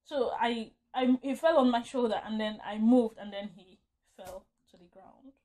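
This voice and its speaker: A woman's voice: on the high side, normal speed, mellow. Giggly rambling woman telling a story. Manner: rambling, self-correcting, laughs often while telling. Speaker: vlogger. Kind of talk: casual storytime vlog.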